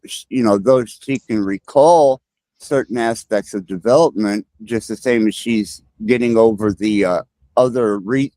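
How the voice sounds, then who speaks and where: A man speaking slowly and insistently in a podcast discussion, pausing with fillers. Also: medium pitch, darkish tone, dry recording. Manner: slow, halting and insistent. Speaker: guest describing his AI companion.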